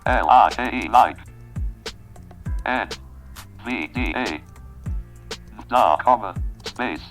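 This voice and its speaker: A robotic synthesized male screen-reader voice, clipped and flat, spelling out typed letters one by one. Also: lowish voice, takes it slowly. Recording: distant computer speaker, faint music behind.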